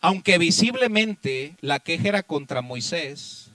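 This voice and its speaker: A pastor preaching a sermon, firing rhetorical questions and swinging between loud exhortation and hushed low passages. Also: male voice, lively intonation, measured pace, no echo, rough recording. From Mexico. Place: church.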